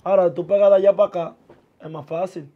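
A young man, a guest chatting casually and laid-back in a small studio, full of street slang and trailing off softly. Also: sits high, fairly even intonation, quick pace, phone-quality sound. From born in the US, of Dominican parents. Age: young adult. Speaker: guest, musician and TikToker. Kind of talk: casual interview talk. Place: small indoor studio with sofa chairs.

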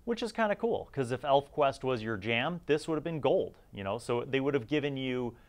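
Speaking at a moderate pace with a medium-pitched, animated voice, a middle-aged man hosts a gaming series. His review commentary is loose and conversational, and he emphasizes key words as he goes.

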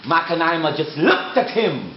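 A man telling a traditional story to schoolchildren, dramatic and expressive, moving between loud and hushed. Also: a little high, normal speed, slight background noise. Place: school room. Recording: echoey room from far off, dull.

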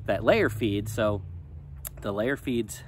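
A man in his thirties talking casually to a handheld phone outdoors in his chicken run, relaxed and rambling with many ums. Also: fairly low pitch, slow. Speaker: small farm vlogger. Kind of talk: casual vlog talk to camera. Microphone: phone at arm's length.

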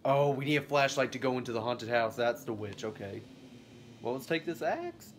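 Excitable man commenting on a game. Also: medium pitch, normal speed, a little hiss or hum. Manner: excitable, jokey, talks back at the game. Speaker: let's play host. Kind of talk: gameplay commentary.

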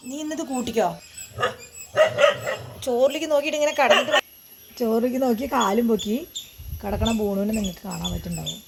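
A woman vlogging at home, talking to her dog in a coaxing, affectionate way and gently scolding it. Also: fairly high pitch, fast talker, gravelly, long pauses, very noisy. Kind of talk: casual home vlog, baby talk to a pet.

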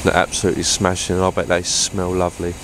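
Deep-voiced bloke chatting casually. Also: male voice, completely flat delivery, fast, background noise. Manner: chatty, rambling, with fillers and restarts. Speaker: fishing vlogger. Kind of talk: casual vlog chat to camera. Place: inside a fishing bivvy tent by a lake. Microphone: clip-on lapel mic.

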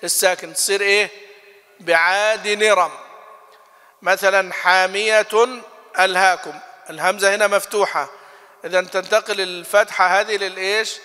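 A man teaching recitation rules, quizzing students and chanting example verses slowly. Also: sits high, steady tone, bright, forceful tone, clear, resonant tone. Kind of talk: classroom lesson on recitation rules. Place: mosque lesson hall. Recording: long reverb of a hall.

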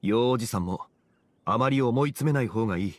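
A male actor voices a composed young gentleman in an anime game, speaking in a measured, courteous, medium-pitched voice that sounds close to everyday speech, with no echo. His formal, old-fashioned phrasing makes him seem wiser than he looks, and the mood is thoughtful and reassuring.

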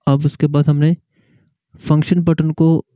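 Flat, dark-voiced man explaining keyboard settings. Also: a little high, dry recording. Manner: explains slowly, reading out settings one by one. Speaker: keyboard tutorial host. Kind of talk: casual step-by-step tutorial. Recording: muffled, slightly lo-fi audio.

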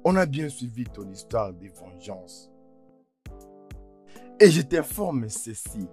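Cold hitman, dark mellow voice, slow threats, faint guitar under. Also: mid-range voice, very animated. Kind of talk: French film dub.

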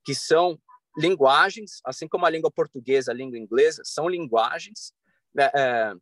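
A man in his thirties from Brazil, a podcast guest talking earnestly over a video call from a bright room at home, with many restarts and fillers. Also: on the high side, moderate pace, no echo. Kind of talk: casual interview talk. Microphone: video call webcam.

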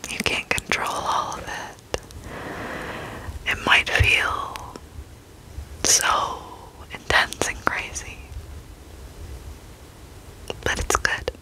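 A young adult woman gives a reassuring ASMR pep talk in a soft, breathy whisper, close to a desk microphone in a bedroom. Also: low-quality recording. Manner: slow, reassuring, gentle encouragement. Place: bedroom, indoors.

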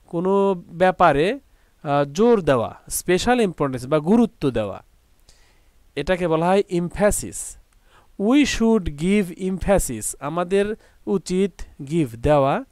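A man with a Bangladeshi accent teaching an English lesson, patiently repeating each word several ways and slowly reading out example sentences. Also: fairly high pitch, no echo. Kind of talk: classroom lesson explaining vocabulary.

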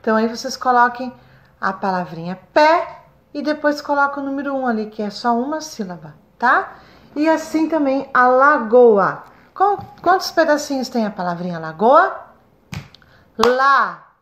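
A Brazilian woman with a slightly high voice records a lesson for first-grade pupils. She talks slowly and kindly, stretching syllables out and checking in with the children often. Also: animated, fairly bright tone. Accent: Brazilian Portuguese. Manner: slow, sing-song, stretches syllables for children.

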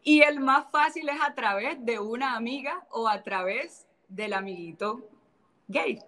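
As a guest in a casual interview chat, a woman from Cartagena with a Colombian Caribbean coast accent speaks with blunt sass and readily mimics others. She has a fairly high, bright and forceful voice.

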